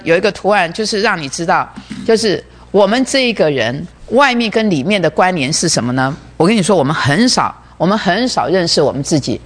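A preacher giving a sermon that explains a diagram, who often repeats words and keeps asking the listeners rhetorical questions. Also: medium pitch.

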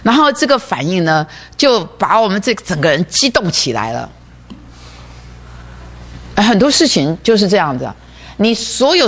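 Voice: medium pitch, a bit bright. A preacher giving a sermon that explains a diagram, who often repeats words and keeps asking the listeners rhetorical questions.

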